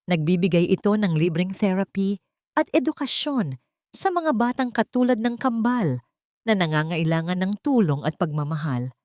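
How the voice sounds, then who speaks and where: A woman with a Filipino accent narrates a scripted, dramatic love story as an audiobook reader. Her medium-pitched voice is animated and slightly mellow at a normal speed, recorded at studio quality with no room sound.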